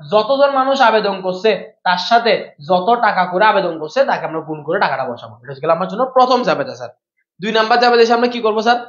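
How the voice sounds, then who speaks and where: A young man with a high voice rattles through an accounting lesson at a fast clip. He keeps asking rhetorical questions and answering them himself, addressing listeners as "sir". The room sounds echoey and the audio is a bit dull. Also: fairly bright tone. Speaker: accounting teacher. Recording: roomy, slightly dull sound.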